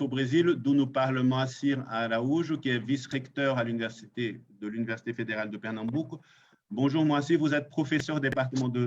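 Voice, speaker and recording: A man moderating a webinar in a formal, measured way, introducing panelists. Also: medium pitch. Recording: dull lo-fi webinar audio, faint noise.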